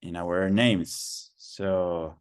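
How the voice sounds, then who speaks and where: A slow-speaking Mexican man, a native Spanish speaker, moderates an online webinar over a video call, patiently repeating instructions with many fillers. His voice is deep and fairly even, with a clean tone and dry, clean studio sound.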